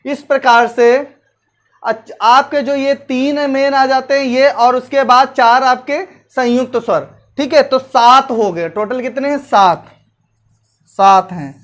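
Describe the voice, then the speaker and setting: A woman teacher with a fairly high voice talks through an exam-prep lesson. She repeats each point and fires off quick questions, then answers them herself, drilling the material for her students. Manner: repetitive drilling, asks and answers own questions. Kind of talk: exam-prep classroom lecture.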